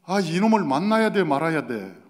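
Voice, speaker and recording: A man's voice: a little high, sing-song, moderate pace. A middle-aged male pastor preaching a sermon, telling stories and acting out the quoted dialogue with animation. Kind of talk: sermon with storytelling. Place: church sanctuary. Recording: long reverb of a church hall.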